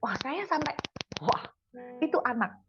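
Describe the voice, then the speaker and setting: A woman preacher with an East Javanese accent gives a morning devotional sermon in a conversational way, slowing down to stress key words. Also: high voice, sing-song, muffled recording, over music. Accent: East Javanese Indonesian. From Surabaya, East Java.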